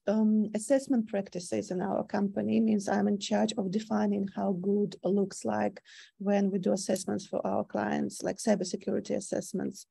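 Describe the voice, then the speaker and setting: A woman in her thirties from Russia, speaking English with a Russian accent as a second language, giving a cybersecurity talk over a video call at an unhurried, hesitant pace with frequent fillers. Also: medium pitch, gravelly, mellow. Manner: hesitant, many fillers, thoughtful. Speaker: cybersecurity consultant presenting. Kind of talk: online conference presentation.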